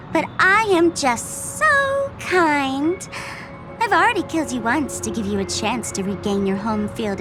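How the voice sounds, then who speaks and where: An actress gives a theatrical, mocking performance as a gleeful, teasing female trickster fool in a video game, threatening to blow up a planet with playful menace. Her voice sits fairly high, and music plays behind it.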